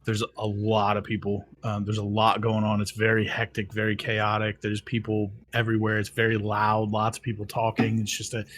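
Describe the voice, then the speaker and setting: A man's voice: lowish voice, completely flat delivery, normal speed, few pauses, fairly bright tone, slight background noise. A man narrating as game master, rambling, with many ums and restarts.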